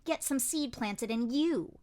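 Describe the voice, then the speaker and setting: A woman voicing a blunt young woman apothecary, speaking low, flat and quietly in a fan audiobook. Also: slow. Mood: dry.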